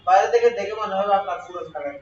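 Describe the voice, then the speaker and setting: A man's voice: high-pitched, animated, racing, a little mellow. A man teaching a grammar lesson to a class, asking questions and answering them himself. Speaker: exam prep teacher. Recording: roomy, distant, dull lo-fi sound with faint noise.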